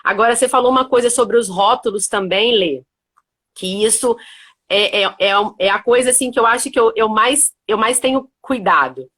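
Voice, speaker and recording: A woman's voice: on the high side, normal speed, a bit bright. A woman hosting a casual chat on parenting, explaining her points in a thoughtful way and often checking in with "né?". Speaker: host.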